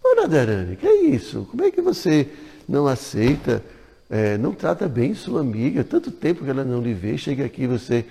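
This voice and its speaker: A man's voice: mid-range voice, huge pitch swings, brisk, gravelly, mellow, slight background noise, pitched above the performer's own voice. A man voicing a meddling older mother-in-law who scolds and insists, in a reverberant hall. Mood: indignant.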